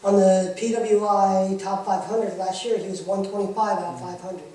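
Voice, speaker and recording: A man's voice: sits high, level tone, normal speed, warm tone. A man chatting casually in an interview as a guest, earnest and emphatic, often repeating himself. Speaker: wrestling insider, interview guest. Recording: echoey room, distant microphone.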